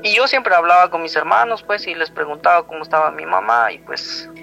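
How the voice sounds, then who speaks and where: A Guatemalan man with a high, bright voice and a Guatemalan Spanish accent tells a personal story as a guest, rambling briskly and repeatedly saying "he told me" as he retells who said what. Background music is clearly audible on the slightly dull recording.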